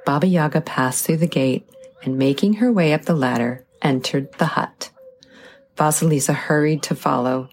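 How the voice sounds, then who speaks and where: A woman narrating a folk tale in a measured, dramatic storytelling style. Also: low-pitched, slight background noise.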